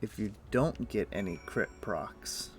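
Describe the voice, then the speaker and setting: Slow and low-voiced, a man streams a game and chats casually, reasoning aloud with lots of fillers. Soft game music plays faintly behind him.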